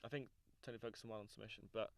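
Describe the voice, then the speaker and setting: Fast-talking young man hosting a podcast. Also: on the low side, steady tone, gravelly. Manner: chatty, quick, laughing. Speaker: podcast host. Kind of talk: casual chat.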